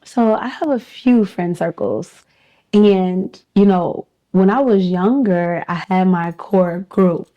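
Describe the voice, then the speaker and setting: A woman talking with friends in a casual, chatty roundtable, often laughing and quickly agreeing. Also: on the low side, highs cut off. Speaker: podcast guest.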